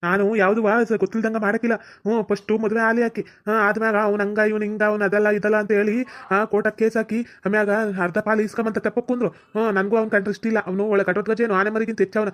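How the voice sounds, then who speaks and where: Flat, fast North Karnataka voice. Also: medium pitch. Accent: North Karnataka Kannada. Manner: bossy, ordering others about. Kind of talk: cartoon comedy voice acting.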